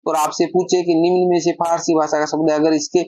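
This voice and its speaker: A woman's voice: deep voice, level tone, brisk, dark tone, dry recording. A woman teaching a grammar lesson, explaining step by step and answering her own questions.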